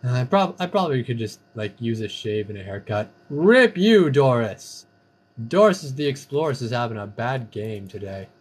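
A man's voice: mid-range voice, expressive, fairly quick, hardly any pauses, slightly rough. Playful man doing goofy game commentary. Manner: playful, sing-song chanting and goofy catchphrases. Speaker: gamer streamer. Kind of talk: casual gameplay commentary.

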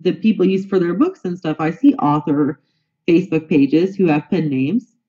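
Sick with a heavy cold, a woman who works as a news reporter answers interview questions as a guest, aggrieved and indignant, saying the same things over and over. Her lowish, mellow voice is animated at a moderate pace, and the audio is dull.

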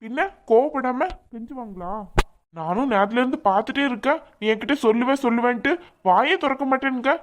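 A woman's voice: on the high side, fairly quick, close to an everyday voice. A woman voicing an angry, suspicious young husband in a cartoon, speaking curtly in a Tirunelveli Tamil accent. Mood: accusing. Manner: accusing, curt. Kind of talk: cartoon voice acting.

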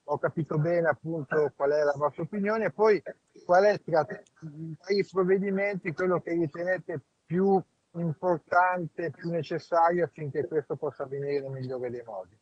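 A man in parliament speaking over a remote call line, asking a formal question at a hearing in a halting way with many fillers. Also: fairly high pitch, no echo. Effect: heard over a remote call line. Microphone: remote call connection. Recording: dull lo-fi remote call audio.

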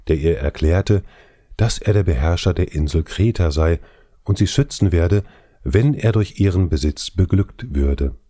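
A man reading an audiobook of legends in measured, solemn scripted narration. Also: low voice, dark tone, no echo, clean studio sound.

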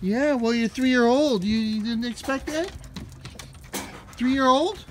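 A man filming a casual vlog indoors, talking in a high, sing-song baby voice to a dog. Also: takes it slowly, a bit bright, a little hiss or hum. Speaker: vlogger.

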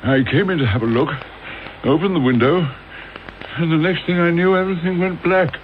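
A man's voice: fairly high pitch, brisk, lightly acted. Male actor as genteel, shaken English doctor, hesitant radio-drama delivery, slightly noisy dull recording. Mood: dazed, flustered. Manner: hesitant, flustered.

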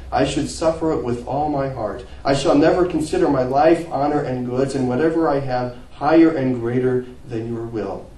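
A pastor preaching a sermon in earnest, swelling to emphatic peaks and sinking to quiet phrase ends. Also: male voice, mid-range voice, roomy sound, far from the mic, low-quality recording. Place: church sanctuary.

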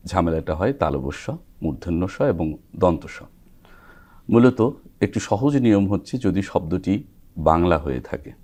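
Man, low voice, recitation trainer, didactic, pauses to sound out words, television studio. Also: a little mellow. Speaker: recitation trainer, guest expert. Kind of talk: explaining pronunciation rules on TV.

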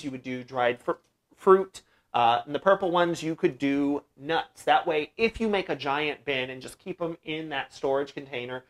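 A young man hosting a casual DIY pet-care vlog from a small room at home, explaining things in a friendly way with lots of "uh" fillers, on a lapel mic. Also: a little high. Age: young adult. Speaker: bird-keeping channel host. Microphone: lapel mic, seated facing camera.

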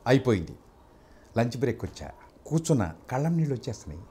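An older male film actor recounts his career in a soft-spoken, casual interview style, speeding up when retelling conversations. His mid-range voice is very animated and fast, with a breathy edge.

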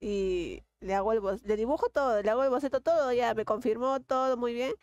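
Peruvian girl rambling while she draws, kinda high voice, laughs a lot, dry close mic. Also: brisk, no room sound, muffled recording. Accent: Peruvian Spanish. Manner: chatty, lively, laughs often, slangy. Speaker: illustrator vlogger. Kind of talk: casual chat while drawing.

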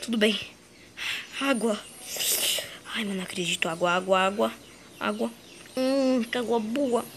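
A woman's voice: high voice, lively intonation, unhurried, long pauses, background noise. Woman playing a chatty young green dinosaur. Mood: resting. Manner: chatty, slangy, talks to itself. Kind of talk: in-character game role-play.

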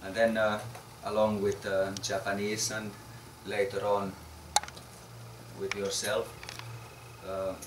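A man from Finland, around forty-something, speaks in a low monotone while presenting an architecture research project informally to a small group. His speech is halting and full of fillers and repeated words. Heard through a far-off camera, the audio comes across a noisy, echoey, crowded little room.

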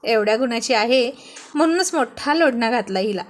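A woman's voice: a little high, expressive, normal speed, a little hiss or hum, natural voice. A woman voicing a teasing, bossy young husband who mocks his wife playfully. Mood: mocking. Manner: mocking, playful taunts.

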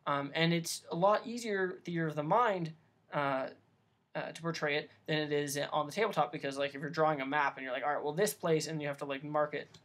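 Brief: male vlog host, light higher voice, loose unscripted talk full of fillers, camera mic. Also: steady tone, fairly quick, a bit bright. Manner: rambling, many ums and restarts. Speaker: vlog host giving dungeon master advice. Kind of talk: casual unscripted explanation.

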